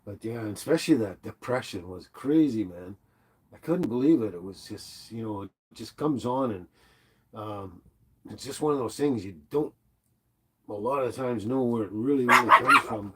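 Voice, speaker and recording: A middle-aged man's lowish, slightly rough voice comes through a laptop microphone in a low-quality recording at normal speed. Stuffy from the flu, he hosts a casual livestream from home, rambling in a relaxed way, reading comments and naming viewers.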